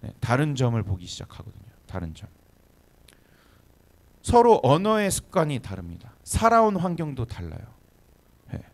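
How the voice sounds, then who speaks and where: A man from Chungcheong, Korea, preaching as a pastor to young adults in a church, talking conversationally with frequent quick affirmations. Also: medium pitch, wildly swooping pitch, darkish tone. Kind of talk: sermon to a young adult congregation. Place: church hall.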